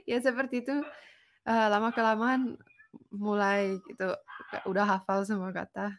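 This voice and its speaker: A woman's voice: mid-range voice, measured pace, a little hiss or hum. A woman from Finland, a native Finnish speaker, chatting casually as a foreigner speaking fluent, colloquial Indonesian. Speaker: interview guest. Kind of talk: casual chat in a learned language.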